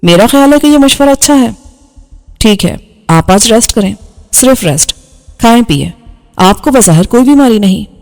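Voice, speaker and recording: A young doctor speaks in a brisk, formal, businesslike way, as a woman reads him for an audiobook. Faint music plays underneath. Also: fairly high pitch, expressive, a little mellow, in a large hall. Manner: brisk, formal bedside talk. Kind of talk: audiobook dialogue reading.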